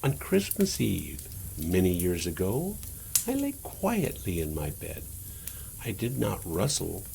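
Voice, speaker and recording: An older, gravel-voiced man in the role of Santa reads a children's storybook aloud in a mid-range voice, gently addressing his young listeners with a sense of wonder. Slight background noise can be heard.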